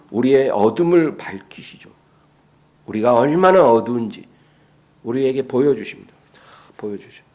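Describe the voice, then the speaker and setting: A male pastor preaching a sermon. He asks the congregation questions and then answers them, moving between hushed passages and loud, raised lines. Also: fairly low pitch.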